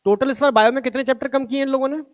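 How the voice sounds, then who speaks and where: A man's voice: very high voice, steady tone, racing. Male teacher. Coaxing classroom lecture where he quizzes the students. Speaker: biology teacher.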